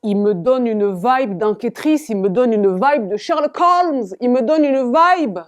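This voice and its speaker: A fashion vlogger speaks straight to her viewers about coats she bought, playful, theatrical and giggly. Her voice is fairly high, expressive and a little slow.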